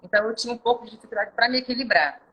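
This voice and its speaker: A woman's voice: fairly high pitch, rapid-fire, slightly rough, highs cut off. A woman in her thirties telling an emotional personal testimony as an interview guest, speaking earnestly. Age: 30s.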